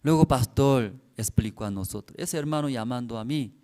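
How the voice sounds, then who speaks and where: A man's voice: mid-range voice, normal speed, mellow. A man preaching a sermon as pastor, telling a story in simple phrases and checking in with the listeners through constant tag questions.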